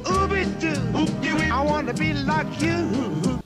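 A man's voice: extremely high pitch, expressive, slow, heavily acted. King Louie the jazzy ape king. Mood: playful. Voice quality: scat-singing, jazzy. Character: swinging jazzy orangutan king, boastful and playful. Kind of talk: sung film song. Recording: song over loud band music, from a distance.

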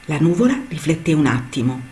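A woman reading a short story aloud in an expressive, measured storytelling manner. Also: sits low.

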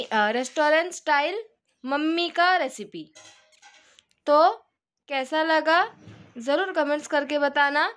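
A woman's voice: sits high, low-quality recording. A woman hosting a home cooking video, chatting casually as she goes through the ingredients step by step in her kitchen. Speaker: cooking channel host.

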